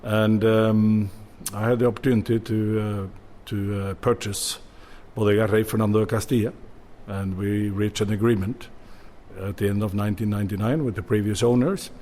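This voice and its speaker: A man's voice: on the low side, level tone, normal speed, dark tone. A man in his sixties from Norway, a bodega owner answering interview questions with many fillers and restarts.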